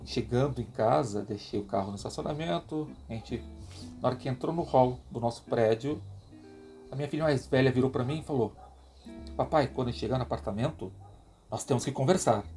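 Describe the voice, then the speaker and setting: A middle-aged Brazilian man and father telling a personal story in an emphatic, animated way, asking himself questions and making sound effects. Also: medium pitch. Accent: Brazilian Portuguese. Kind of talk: confessional storytelling to camera.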